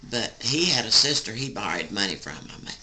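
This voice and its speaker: A sweet old lady in her eighties with a Southern US accent, reminiscing casually. Her voice is creaky and gravelly with a bright edge. She rambles in a folksy way, with faint noise on the recording. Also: extremely low pitch, sing-song, a little fast, low-quality recording. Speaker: grandmother recounting family stories. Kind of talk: casual oral storytelling.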